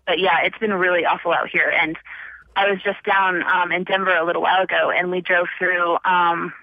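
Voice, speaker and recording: A woman calling in to a radio program, her voice coming over a muffled phone line with a dry, close sound. She talks in a casual, hesitant way, filling her pauses with ums as she goes. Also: fairly low pitch, little pitch movement, dry recording. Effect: heard over the phone. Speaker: radio call-in caller. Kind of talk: casual call-in chat.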